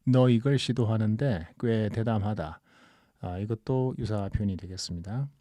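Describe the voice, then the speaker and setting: A man teaching English as a channel host, explaining calmly and patiently and drawing out the example sentences in a relaxed, podcast-style lesson. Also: fairly low pitch, moderate pace, no echo.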